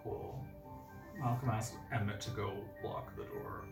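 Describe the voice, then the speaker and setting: A man playing a tabletop game, speaking in character in a dry, measured manner. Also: on the low side, fairly even intonation. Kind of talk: improvised role-play chat. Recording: echoey room, distant mic, music behind.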